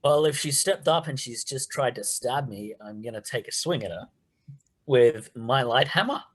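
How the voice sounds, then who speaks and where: A man playing in a tabletop game, calmly stating his moves and rolls. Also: medium pitch, moderate pace, husky. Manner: matter-of-fact, calling out rolls. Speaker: player. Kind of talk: casual tabletop game play.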